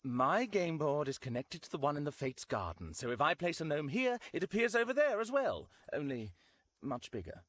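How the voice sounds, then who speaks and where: An actor voicing a fussy, pedantic board-game obsessive in a video game, prissy and sniffy. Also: male voice, a little high, sing-song, moderate pace, a bit bright, slight background noise.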